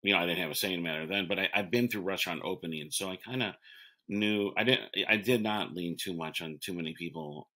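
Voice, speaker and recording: A man's voice: low voice, fast talker, pushed and bright. A man in his forties, a restaurant owner and chef, talking casually in an interview and rambling through restarts and fillers. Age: 40s.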